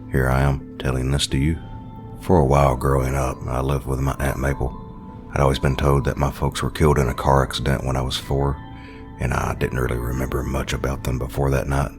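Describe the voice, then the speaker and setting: A man with an extremely deep, flat voice reads a horror story in a slow, brooding way. Faint music plays under the narration.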